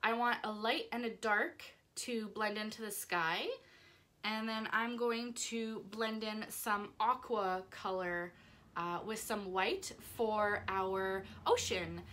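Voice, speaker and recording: A woman's voice: medium pitch, steady tone, takes it slowly, fairly bright tone. A woman in her thirties from Canada leads a step-by-step painting tutorial. She explains each brushstroke in a friendly, instructive way, filmed in her indoor craft studio with a camera set in front of her.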